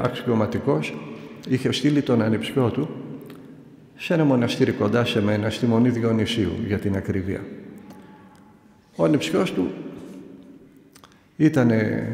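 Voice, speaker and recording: An older man, a monastic elder, giving a calm sermon with stories and pauses. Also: mid-range voice, creaky. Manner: calm storytelling teaching, paced with pauses. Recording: echoey hall with long reverb.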